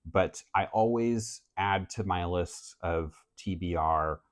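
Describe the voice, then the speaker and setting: A man who grew up in France, talking casually to camera about his reading list in a relaxed, measured way. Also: low voice. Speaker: book vlogger. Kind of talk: casual book talk to camera.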